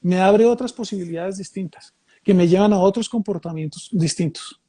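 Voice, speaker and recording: A man's voice: sits high, moderate pace, mellow. A man, born in Mexico and raised in Colombia, thoughtfully explaining ideas in a conversation, often rephrasing and repeating phrases. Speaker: speaker leading a reflective conversation.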